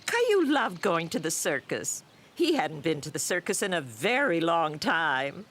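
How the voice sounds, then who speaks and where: Female narrator, clear and animated children's storytelling. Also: fairly low pitch, unhurried.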